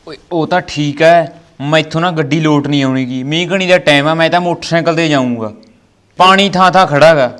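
Gruff older man. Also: fairly high pitch, a little fast, fairly bright tone. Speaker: father in a family skit.

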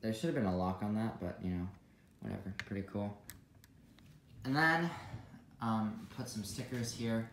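Low-voiced young man in an echoey room. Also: moderate pace. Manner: relaxed, many fillers and trailing asides. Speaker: toy reviewer. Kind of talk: casual set review. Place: room at a table with toys. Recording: echoey room with clear background noise.

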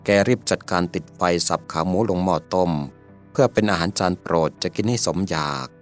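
A man with a very deep voice tells a folk tale in scripted, steady narration. His delivery is measured and even, and soft music plays faintly behind him. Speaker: storyteller.

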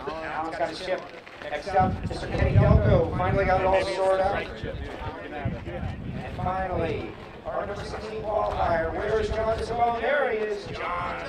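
A man announcing a live drag racing event outdoors, loud and teasing, hyping up the crowd. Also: sits high, reverberant, far from the mic.

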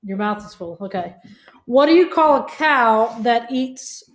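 Brief: high-voiced woman, friendly teacher hosting school morning announcements, coaxing and chatty. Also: expressive, unhurried.

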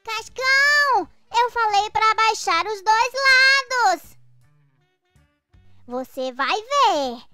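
An actor voicing a hot-tempered little girl, indignant and quick to threaten, in a children's comic dub. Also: very high voice, lively intonation, sharp tone, no room sound, faint music behind, full character voice. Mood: angry.

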